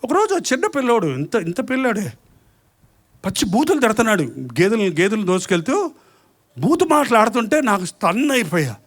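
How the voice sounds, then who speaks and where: A middle-aged man preaches a sermon in a strikingly high voice. He moves between plain teaching and acted-out quarrels, changing his voice for each part. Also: a little fast. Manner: lively preaching that acts out quarrels in different voices. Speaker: pastor.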